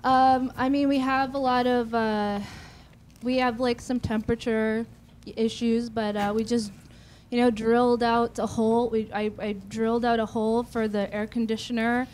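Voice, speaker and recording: A woman's voice: fairly high pitch, flat delivery, normal speed, darkish tone, a little hiss or hum. Nervous, rambling woman on a handheld mic. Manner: rambling and nervous, with many restarts. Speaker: guest, founder of an internet radio station. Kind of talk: nervous chatty talk-show interview. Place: TV studio set, seated on a couch.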